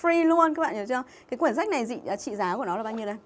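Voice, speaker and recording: A woman's voice: fairly high pitch, lively intonation, very fast. Chatty Vietnamese woman teaching English live. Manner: chatty, reads out viewer names and comments. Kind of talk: livestream exam-review lesson.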